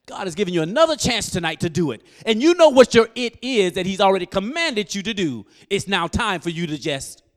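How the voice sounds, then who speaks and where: A man preaching a sermon, quizzing his congregation and building up to loud exhortation. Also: high-pitched, fairly quick, few pauses. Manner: call-and-response with the congregation; animated, rising to loud exhortation. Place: church service.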